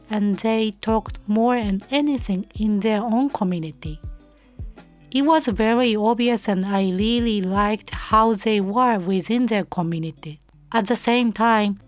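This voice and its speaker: A young Japanese woman hosting her own podcast, reading a prepared self-introduction in careful, measured non-native English. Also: mid-range voice, no room sound. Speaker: podcast host. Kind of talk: scripted solo podcast narration.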